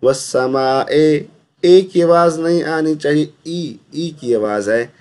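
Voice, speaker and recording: A man teaching Quran recitation with tajweed, reciting syllables slowly and stretched, then correcting mistakes in quick asides. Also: a little high, animated, darkish tone. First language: Urdu. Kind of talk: tajweed lesson, slow drilled recitation.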